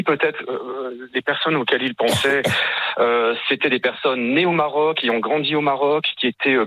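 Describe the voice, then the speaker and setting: A man's voice: medium pitch, dry recording, narrow, tinny audio. A man in his fifties from France calling in to a radio show, talking earnestly and hesitantly, with many fillers and restarts. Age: 50s. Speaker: caller. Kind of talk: radio call-in testimony.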